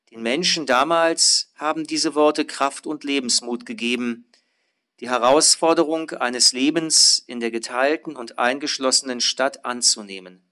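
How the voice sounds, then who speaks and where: Casting male pastor, mid-pitched, measured earnest sermon delivery with emphatic swells. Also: bright, forceful tone. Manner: measured, earnest preaching with rising emphatic phrases.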